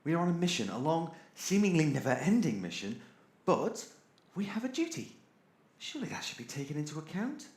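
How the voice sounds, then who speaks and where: In an audio drama, a man voices an irritable, sardonic robot crewman keeping a ship's log, sounding theatrically exasperated and sarcastic. His voice is a little high and darkish in tone, brisk with big pitch swings, and the sound is roomy.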